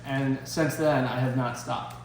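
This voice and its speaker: A man's voice: mid-range voice, fairly even intonation, a little slow. A young man hosting a casual cooking vlog in a home kitchen, upbeat and enthusiastic. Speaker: host.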